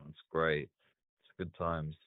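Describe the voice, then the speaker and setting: A man in a casual group chat who laughs in high bursts. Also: flat delivery, slow, dry recording. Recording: tinny online voice call.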